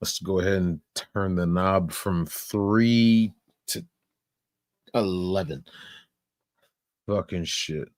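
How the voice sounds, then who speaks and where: A man's voice: low-pitched, fairly even intonation, slow pace, pauses often, no echo, clean studio sound. A man giving crude, sarcastic reaction commentary, mocking and swearing as he talks.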